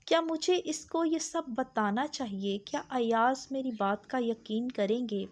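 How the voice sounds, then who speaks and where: A woman's voice: on the high side, natural voice. A woman voicing a troubled young wife, anxious and questioning herself.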